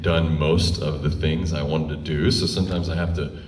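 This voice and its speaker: Speaking at a normal speed in an extremely low, level voice, a forty-year-old touring performer tells comic stories on stage to a live audience. He's wry and self-deprecating, often laughing mid-sentence. The distant mic picks up a roomy stage sound and slight background noise.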